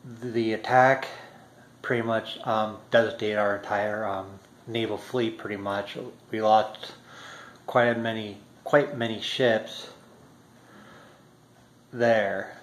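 A man's voice: on the low side, fairly even intonation, slow, long pauses. A man in his thirties, talking unscripted to the camera about history at home, hesitant with many ums and restarts. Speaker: history vlogger. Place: home kitchen indoors. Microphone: built-in camera mic at arm's length. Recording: roomy kitchen echo, faint ambience.

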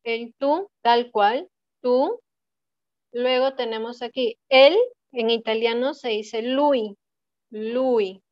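A woman with a Peruvian Spanish accent teaches an online language class at a slow, patient pace. Her voice sits a little high, and she repeats each word and keeps checking with the students. The audio is dry and somewhat dull, typical of a computer mic on a livestream. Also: no room sound. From Peru.

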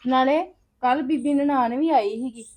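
A woman's voice: sits high, moderate pace, darkish tone. A woman acting a defensive wife in a family drama. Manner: defensive, explaining.

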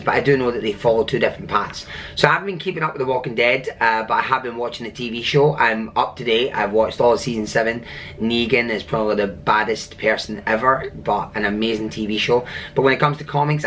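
A man's voice: medium pitch, a bit bright, slight background noise. A man talking casually to his vlog viewers in an upbeat, enthusiastic way, like a cruise director.

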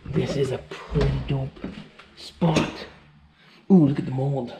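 A man's voice: mid-range voice, fairly even intonation, slow pace. A man in his thirties, a vlogger giving an easygoing walkthrough of an abandoned house, talking to viewers. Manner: easygoing, talks straight to viewers. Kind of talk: casual walkthrough commentary. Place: empty abandoned house indoors. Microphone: handheld camera mic. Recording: echoey empty rooms, faint noise.

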